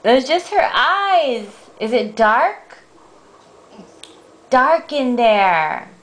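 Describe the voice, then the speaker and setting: A woman reading a picture book aloud to a child at bedtime at home, slow, gentle and playful. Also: sits high, sing-song. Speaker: parent reading a bedtime story.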